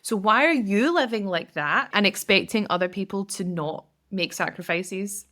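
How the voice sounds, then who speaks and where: A woman's voice: mid-range voice, moderate pace, pushed and bright. A woman, giving casual, direct podcast advice as a business coach, with lots of "like". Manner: chatty, direct, filler-heavy with frequent "like".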